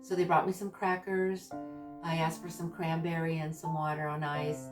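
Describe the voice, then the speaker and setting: A woman with a low-pitched voice shares a personal story in a casual vlog style. She speaks haltingly, often pausing to find the right word. She sounds some distance from the microphone, with faint guitar music behind her. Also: flat delivery. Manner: halting, hesitant, searching for words. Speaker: vlogger recounting own surgery experience. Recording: distant mic with background music.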